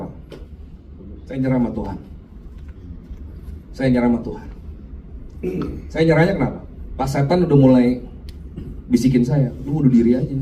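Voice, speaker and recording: A man's voice: high voice, darkish tone. A man giving a sermon with a personal testimony at a men's fellowship. He talks animatedly and keeps addressing his listeners directly. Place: church men's meeting room. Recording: echoey room, far from mic, light noise.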